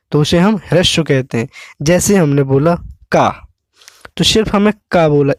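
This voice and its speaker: A man teaches an exam-prep lesson in a somewhat high voice. He explains slowly and patiently, stopping to check that the point is understood. The sound is dry and close, with no room around it. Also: a little mellow, no room sound.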